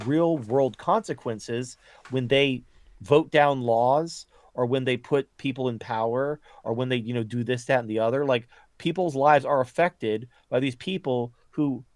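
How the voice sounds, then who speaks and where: A man's voice: mid-range voice, no room sound, studio quality. A man as a podcast guest, ranting bluntly in casual political chat, swearing often and restarting his sentences.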